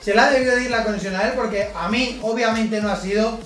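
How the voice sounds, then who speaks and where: A man commentates his own football video game match. He gets excited easily, shouts at big plays and groans when things go wrong. He sits back from the mic in an echoey room, with faint music underneath. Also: high-pitched, fast, recorded from a distance. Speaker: gaming YouTuber. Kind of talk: live gameplay commentary.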